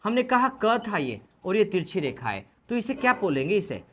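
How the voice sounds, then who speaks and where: A woman gives a Hindi grammar lesson in a sing-song, medium-pitched voice at a moderate pace, with a little hiss or hum audible. She repeats the key points and asks herself questions that she goes on to answer.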